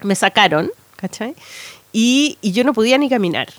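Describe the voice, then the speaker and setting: A woman in her thirties with a Chilean accent, telling a story in animated casual chat as a podcast co-host. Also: fairly high pitch, normal speed, no room sound. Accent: Chilean Spanish. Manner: animated storytelling with lots of slang tags.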